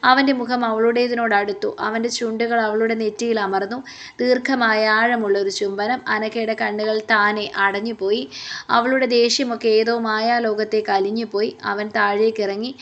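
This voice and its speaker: A woman narrates a romance story in a steady, expressive reading. Her voice sits a little high. She keeps an even, scripted storytelling pace. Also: normal speed, highs cut off.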